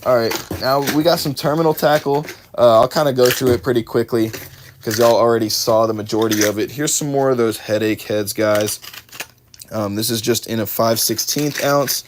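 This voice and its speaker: Hosting a live fishing unboxing stream, a man chats casually with viewers, addressing them by name and correcting himself as he goes. His medium-pitched voice is a little worn, as he's slightly losing it, and he speaks at a moderate pace with a little hiss or hum in the background.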